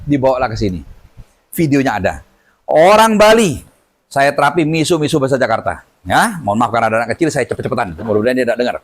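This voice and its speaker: A middle-aged man, a healer, telling a testimony story in an animated way and acting out the dialogue. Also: medium pitch, fast talker.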